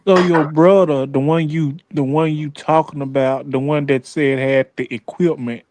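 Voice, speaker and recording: A man in casual chat, giving brief reactions and slow prompting questions. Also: on the high side, fairly even intonation, darkish tone.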